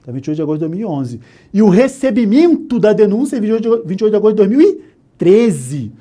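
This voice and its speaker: A man's voice: high-pitched, sing-song, quick pace, mellow. A Brazilian man teaching an exam-prep law lesson, walking through the answer step by step and checking in with the listener often. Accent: Brazilian Portuguese. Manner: explains step by step, often asking "né?", "ok?", "tá?". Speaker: law instructor. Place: online course studio.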